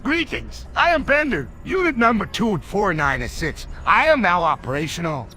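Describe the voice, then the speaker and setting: Metallic robotic male robot, as a man plays it, obedient, formal, high voice, bright tone. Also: very animated, normal speed, soft background music, exaggerated voice. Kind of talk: AI-generated cartoon dialogue.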